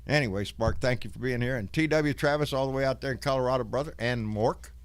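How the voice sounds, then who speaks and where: A man's voice: medium pitch, fast talker, clean tone, no echo. A man with a Southern US accent and a folksy drawl, hosting a casual livestream chat with salty language. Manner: salty, profane. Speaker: host of a live online show.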